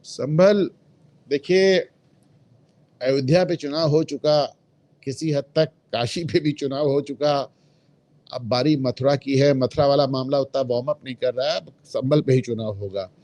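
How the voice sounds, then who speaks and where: A man's voice: medium pitch, unhurried, darkish tone, no room sound. A man speaking as a guest in a political discussion, emphatic and opinionated, dropping English phrases into his talk. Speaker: guest commentator.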